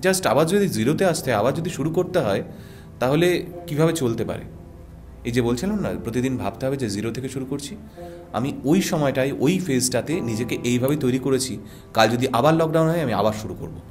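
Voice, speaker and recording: A Bengali-accented man in a podcast chat, talking at a middle pitch with an earnest, emphatic manner. He drives his points home through rhythmic repetition, and faint music sits under his voice. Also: lively intonation, brisk, a little mellow. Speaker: radio jockey and voice artist guest. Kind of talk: podcast conversation.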